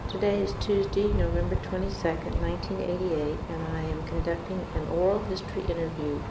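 A woman interviews for an oral history in a careful, pausing manner. Her voice sits a little low and is full of creak. The tape has a clearly audible hum and rumble behind her. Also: little pitch movement. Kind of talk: formal recorded interview. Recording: noisy tape with humming room rumble.

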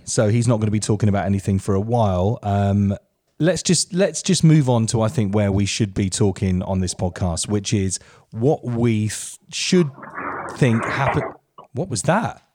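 A man's voice: on the low side, animated, moderate pace, mellow. A man hosting a podcast, leading the chat with long, rambling questions. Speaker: podcast host.

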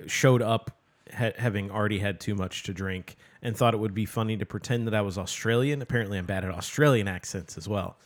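A man's voice: lowish voice, fairly quick. A man co-hosting a casual book podcast, rambling with lots of fillers and restarts. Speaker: podcast co-host.

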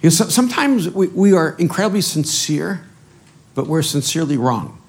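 Preaching as a pastor, a middle-aged Spanish-speaking man from El Salvador gets animated and jokes at his own expense, often repeating words when he restarts. His pitch is slightly high, his pace moderate, and a faint hiss or hum sits under the recording.

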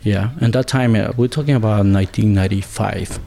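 Gravelly low-voiced Ecuadorian man. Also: fairly even intonation, warm tone. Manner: halting, searching for words, second-language English. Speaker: guest, builder and former chef. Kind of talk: conversational interview.

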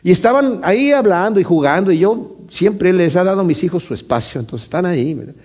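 A man's voice: sits high, lively intonation, a little fast, darkish tone. A man, a pastor, preaching a conversational sermon and often checking in with his listeners. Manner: conversational preaching with frequent tag questions.

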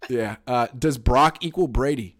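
A man's voice: medium pitch, unhurried, fairly bright tone. A man in his thirties co-hosting a casual sports talk show, emphatic and wry, often slipping into mock quotes. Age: 30s. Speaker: podcast co-host.

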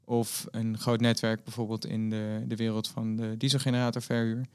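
A man, the founder and CEO of a company, answering interview questions earnestly with frequent pauses. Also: lowish voice, level tone, a little mellow, smooth, dry recording. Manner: earnest, lots of filler pauses.

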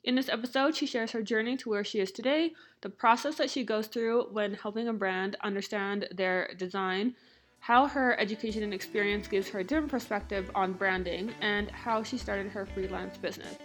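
A woman's voice: medium pitch, fairly quick, low-quality recording. A woman hosting a podcast introduction, lisping slightly and talking with a sore, post-surgery jaw over faint music. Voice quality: slight lisp from a piece of plastic in the mouth. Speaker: podcast host.

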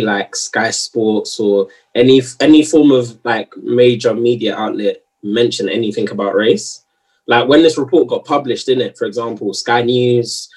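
A man's voice: medium pitch, darkish tone, slightly rough. A man with a London urban accent giving his opinions in a casual discussion, emphatic and full of slang.

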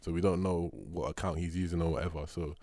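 A man's voice: sits low, level tone, quick pace, mellow, no room sound, studio quality. A young man with an urban London roadman accent, chatting casually and slangily as a podcast co-host, with plenty of banter. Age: young adult. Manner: slangy, bantering, addressing listener as bro.

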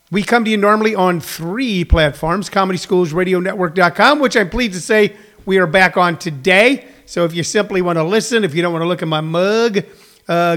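A male host chatting casually to his listeners in a halting, digressive, self-deprecating way. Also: high-pitched, a bit bright. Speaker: host of a daily live streamed comedy radio show. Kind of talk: casual, rambling chat to listeners.

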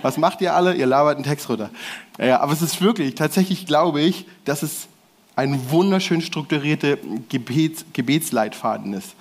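A man's voice: a little high, moderate pace. A man preaching a casual sermon to a gathered audience, in slangy everyday speech with restarts and self-corrections. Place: church hall with audience.

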